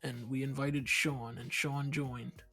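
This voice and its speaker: Joking podcast host over music. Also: male voice, medium pitch, slow. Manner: joking, deadpan, filler-heavy. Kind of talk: casual comedic podcast chat.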